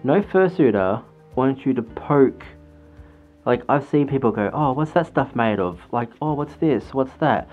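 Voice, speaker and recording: A man's voice: medium pitch, lively intonation, unhurried. Man talking through a fursuit head. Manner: chatty, earnest, lecturing with restarts. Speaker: fursuit vlogger. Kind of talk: casual advice vlog. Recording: dull lo-fi sound with faint music.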